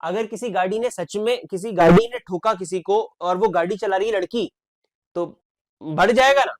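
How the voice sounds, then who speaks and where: A young man from India who teaches an online exam-prep lecture, talking with lively emphasis and mixing in English. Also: high voice, normal speed. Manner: animated, emphatic, switches between Hindi and English.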